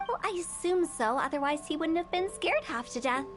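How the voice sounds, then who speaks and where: A woman's voice: sits high, expressive, normal speed, soft background music. A woman voicing a cheeky, confident young female funeral director in an anime game, playful and self-assured. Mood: explaining.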